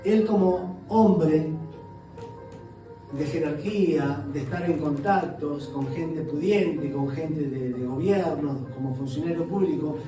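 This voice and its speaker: A man's voice: fairly high pitch, takes it slowly, over music. A male guest pastor, preaching a sermon full of rhetorical questions and acted-out quotes. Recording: echoey church hall, voice from a distance.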